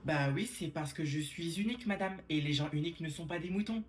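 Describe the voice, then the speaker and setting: A woman performing a comedic sketch in a sassy, quick manner, switching between characters. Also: low-pitched. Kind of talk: comedic POV sketch, playing several characters. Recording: echoey room with noise behind.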